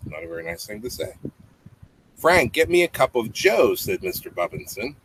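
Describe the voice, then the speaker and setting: In a small home room with a low tiled ceiling, a man in his fifties, a parent, reads a children's bedtime story aloud and adds simple explanatory asides for young listeners. His voice is lowish and fairly bright, with big pitch swings at a normal speed. The home webcam audio is clearly noisy, with clicks.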